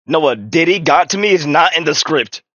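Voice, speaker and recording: A man's voice: a little high, lively intonation, moderate pace, bright, forceful tone, dry recording, dull audio. A young man giving casual, joking game commentary in a slangy, profane, playful manner, close on the mic. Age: young adult. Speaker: game streamer. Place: small indoor streaming room.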